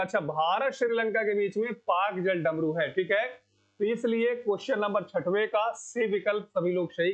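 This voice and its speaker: A man teaching an exam-prep lecture, repeating key answers and quizzing the class. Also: sits high. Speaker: coaching teacher. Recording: dull lo-fi sound.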